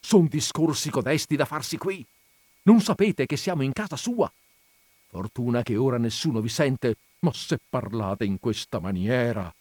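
A man's voice: mid-range voice, animated, moderate pace, a little mellow, slightly rough, no room sound. A man voicing a timid, fretful elderly village priest who scolds in a frightened hiss and fawns on his betters, in a dry recording. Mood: fearful scolding.

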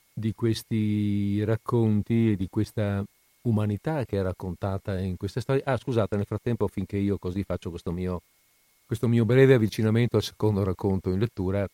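A man reading a literary short story aloud in a measured, unhurried way. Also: lowish voice, fairly even intonation, mellow, dry recording, soft background music. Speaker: reader, channel host.

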